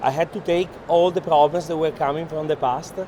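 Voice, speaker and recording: A man with a fairly high, fairly even voice speaks fairly quickly, explaining things earnestly as a gallery owner in unscripted conversation. His English is hesitant and non-native. He's on a walking tour of an art fair hall, and the busy indoor fair makes the recording noisy.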